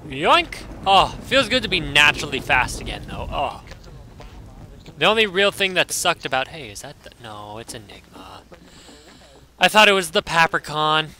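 A young man casually commentating his own gameplay, excitable and swearing, yelping out loud as things happen. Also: fairly high pitch, normal speed. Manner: excitable, swearing, yelps and reacts loudly.

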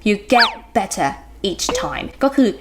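A woman's voice: medium pitch, animated, very slow, a bit bright, soft background music. A woman hosting a casual English vocabulary lesson, chatty and switching between Thai and English words as she explains. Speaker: English teacher and host. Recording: noisy recording with background noise.

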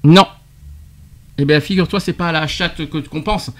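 Un animateur de radio qui interroge son invité en expliquant de l'argot, avec entrain et des rires. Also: male voice, fairly high pitch, normal speed. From France. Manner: quizzing, explaining slang terms with laughs. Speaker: radio show host. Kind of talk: radio debate segment.

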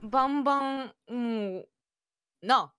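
A woman's voice: a little high, slow, noisy background. A woman streamer bantering playfully, protesting and laughing along. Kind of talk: casual game-stream banter.

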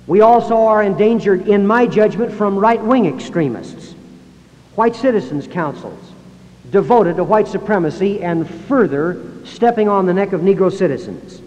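A man giving a public speech in a high school hall, emphatic and acting out quoted voices, recorded on 1960s analog tape. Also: lively intonation, normal speed, a little mellow, lo-fi sound. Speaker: speaker.

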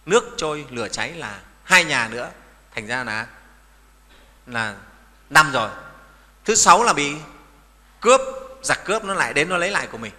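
A man's voice: fairly high pitch, animated, moderate pace, pauses often, sharp tone, in a large hall. A middle-aged man, a Buddhist monk giving a sermon in a folksy manner, often asking his listeners questions.

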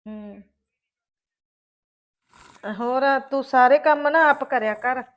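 A woman's voice: high-pitched, slow. A woman as an earnest village daughter-in-law. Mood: chatty. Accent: Malwai Punjabi. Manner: earnest, chatty, placating. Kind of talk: comic village skit.

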